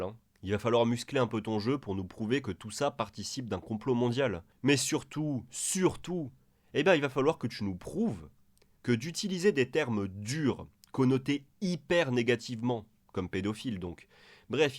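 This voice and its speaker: A man's voice: mid-range voice, dry recording, studio quality. Crude, scornful male reaction commentator. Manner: mocking, crude, scornful, talks straight to the person in the clip. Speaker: video commentator.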